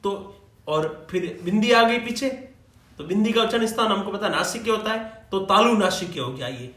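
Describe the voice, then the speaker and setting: Male grammar teacher, high-pitched, patient and repetitive delivery, recorded off-mic in an echoey room. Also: animated, moderate pace, fairly bright tone, recorded from a distance. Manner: explains patiently, repeats sounds, asks "right?" often. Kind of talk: classroom-style lecture.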